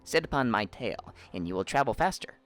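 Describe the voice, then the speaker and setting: A man's voice: mid-range voice, lively intonation, fairly quick, fairly bright tone, soft background music, lightly acted. A man voicing a cunning fox from a storybook, a wise helper who gives counsel in an instructive, commanding manner. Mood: instructing. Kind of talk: storybook character voice.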